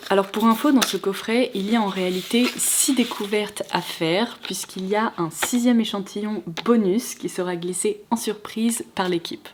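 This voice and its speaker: A woman's voice: mid-range voice, a little mellow. A young woman beauty vlogger presenting gift ideas to camera in an enthusiastic, gushing way.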